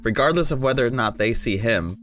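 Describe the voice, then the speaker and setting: Guy player narrating his character's moves, giggly, pitch all over, music under it. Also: a little fast. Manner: giggly, animated. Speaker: tabletop game player. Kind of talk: casual in-game narration.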